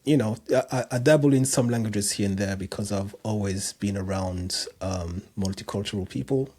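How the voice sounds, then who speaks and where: Against slight background noise, a fairly low, somewhat mellow male voice speaks at normal speed. He is a French-accented personal trainer in his thirties, from France and other countries, talking comfortably on a casual podcast interview full of restarts and fillers.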